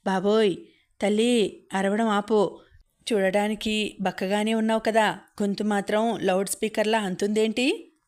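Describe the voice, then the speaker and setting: A woman's voice: medium pitch, flat delivery, a little slow, darkish tone, close to an everyday voice. A woman voicing a brash, scheming young man who taunts and boasts, in a storybook reading. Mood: mocking.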